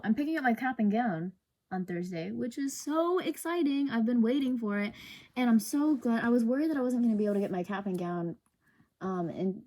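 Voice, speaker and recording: A young woman hosts her own podcast alone, chatting in a rambling, self-conscious way with plenty of fillers. Her voice sits at a middle pitch with a warm, mellow color. She speaks close into a sensitive desk microphone at home. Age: young adult. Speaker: podcast host. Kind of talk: casual solo podcast chat.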